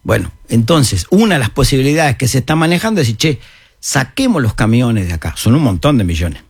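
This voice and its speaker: An older man with a Uruguayan Spanish accent, explaining city matters on a radio talk show in an animated, folksy way. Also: medium pitch, brisk, gravelly, husky, no echo, studio quality.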